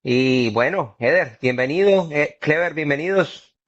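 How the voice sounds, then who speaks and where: Loud co-host man on dull lo-fi audio. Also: on the high side, expressive, measured pace. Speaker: podcast co-host. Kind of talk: casual podcast hosting.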